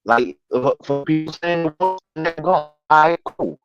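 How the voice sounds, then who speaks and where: A man's voice: on the high side, a little slow, music in the background. A man arguing on a sports panel over a remote call whose audio keeps glitching and breaking up. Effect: glitchy, breaking-up online call audio. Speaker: panelist calling in. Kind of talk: casual sports panel debate. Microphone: remote video or voice call. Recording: muffled, dry, choppy call line.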